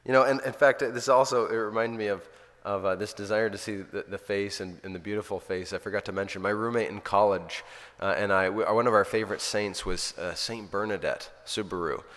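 Earnest priest in a reverberant hall. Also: male voice, lowish voice, steady tone, a little fast, a bit bright. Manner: earnest, storytelling, often restarts sentences. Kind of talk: informal spiritual talk.

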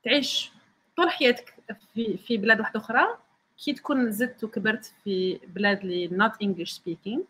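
Animated Algerian-accented woman host. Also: mid-range voice, rapid-fire, husky, poor audio. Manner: animated, switches between English, Arabic and French. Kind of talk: online interview.

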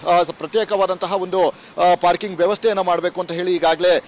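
A man reporting live outdoors beside a busy road, speaking haltingly with many fillers into a handheld mic. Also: high voice, level tone, a little hiss or hum. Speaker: field reporter. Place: roadside outdoors by a mall.

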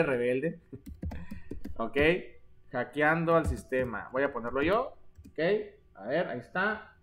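Male teacher in his thirties, playful live-stream lesson delivery, slightly high voice. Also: a bit bright. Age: 30s. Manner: joking, theatrical, addresses students as "jóvenes". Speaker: online biology teacher. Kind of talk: live-streamed exam prep class.

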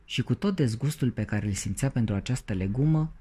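Animated man reading a children's story. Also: mid-range voice, slightly rough. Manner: expressive, animated.

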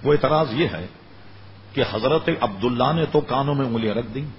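A man, an Islamic scholar, giving a religious lecture and demonstrating pronunciation by drawing out words. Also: mid-range voice. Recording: dull lo-fi recording with faint noise.

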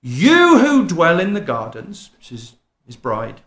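A middle-aged man with an East Midlands accent touched by Welsh preaches a sermon from a lectern in a small church hall, animated, conversational, and self-mocking as he acts out people's words. His voice is fairly high and slow, captured by a lectern stand mic and a camera filming from across the room.

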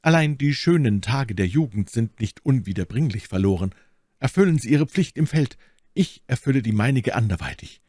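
A man's voice: mid-range voice, lively intonation, moderate pace, dark tone, no room sound, studio quality, pitched above the performer's own voice, close to an everyday voice. A man voicing a noblewoman writing a tender farewell to her lover.

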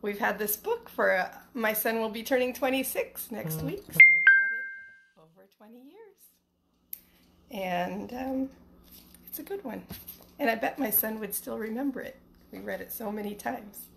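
Over loud music, a middle-aged woman speaks at normal speed in a slightly high voice with vocal fry and lively intonation. She's an elementary school teacher doing a casual livestream and picture-book read-aloud for children from her small living room. Her phone sits at arm's length, and some background noise is present.

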